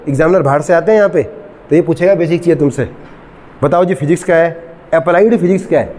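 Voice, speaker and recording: A man's voice: on the high side, dark tone. Middle-aged male physics teacher in a reverberant classroom. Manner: asks students frequent check questions, mixes English terms; slow dictation of English definitions. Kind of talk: classroom lecture.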